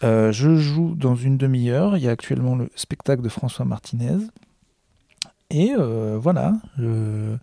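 A stand-up comedian rambling backstage in a self-mocking vlog monologue, full of hesitations, into a handheld recorder. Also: male voice, medium pitch, a little slow, gravelly, mellow, no echo, studio quality. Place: backstage room of a comedy club.

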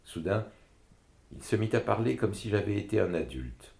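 Deep, gravelly male storyteller. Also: moderate pace. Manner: expressive, dramatic. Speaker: narrator. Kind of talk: literary story reading. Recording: roomy echo.

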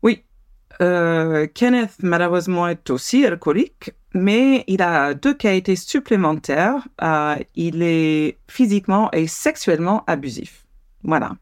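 A woman's voice: on the low side, animated, a little slow, no echo, studio quality. A woman co-hosting a podcast, telling a true-crime story in a casual, chatty way with frequent hesitations.

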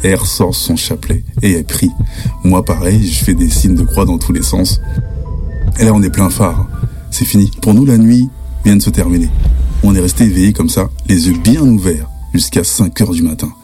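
A young man from France telling a spooky personal anecdote in lively, slangy casual speech. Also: low-pitched, moderate pace, soft background music. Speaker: storyteller.

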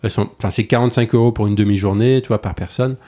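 A man in his forties talks quickly as a podcast guest, in a low, dark voice. He chats loosely, circling back and restarting his sentences with plenty of fillers. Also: steady tone. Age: 40s. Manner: chatty, with many restarts and fillers. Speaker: travel blogger and tour agency owner, podcast guest. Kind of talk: casual conversational interview.

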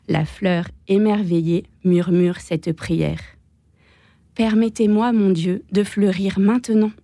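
A woman guest reciting a Christmas poem in a gentle, measured way in a radio studio. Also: medium pitch, no room sound. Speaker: guest, painter.

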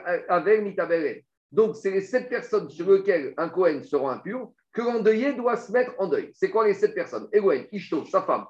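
In a dull, echoey room recording, a man leads a Talmud class, working through Aramaic passages step by step and asking and answering his own questions. His voice is high-pitched and a little mellow.

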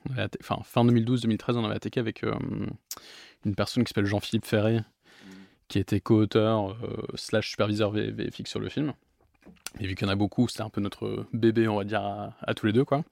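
A man's voice: lowish voice, little pitch movement, quick pace, vocal fry, a little mellow, dry recording. A young man from England, a filmmaker guest in a casual interview, giving long rambling answers.

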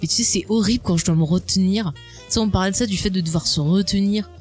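A woman guest in a casual conversation, chatty and expressive, laughing often and swearing casually. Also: medium pitch, quick pace, faint music behind.

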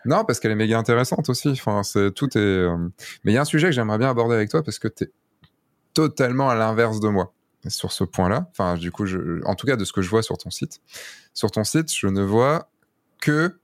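Fast-talking low-voiced male host. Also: expressive, no echo, studio quality. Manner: fast, jokey, rambling questions. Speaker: podcast host. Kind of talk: casual podcast interview.

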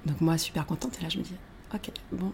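A woman in her thirties tells her career path in a casual interview, in a fairly low voice. She talks animatedly, with many fillers and restarts. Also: fairly even intonation, rapid-fire, a little mellow. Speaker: guest.

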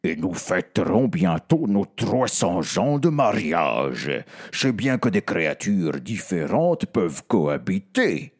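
A man doing a booming old vampire grandpa. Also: big pitch swings, slow pace, full character voice. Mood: grumbling. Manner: bellowing, outraged.

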